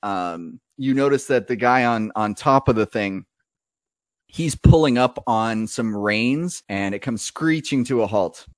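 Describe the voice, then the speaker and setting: A man's voice: mid-range voice, a little slow, no room sound. A man running a tabletop game as game master, telling the scene in a loose, filler-heavy way.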